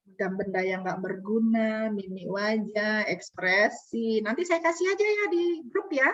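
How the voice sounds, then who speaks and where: A woman with an Indonesian accent coaching a group online, asking them questions in a lively teacherly way. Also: medium pitch, a little slow. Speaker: communication coach. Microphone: video call. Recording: dull lo-fi video call audio.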